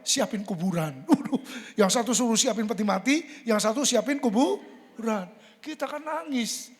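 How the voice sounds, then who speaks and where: Pastor in his sixties, echoing church hall. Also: mid-range voice. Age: 60s. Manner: lively storytelling, often laughing, acting out quoted dialogue. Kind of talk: sermon. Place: church sanctuary. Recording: long hall reverb in a church.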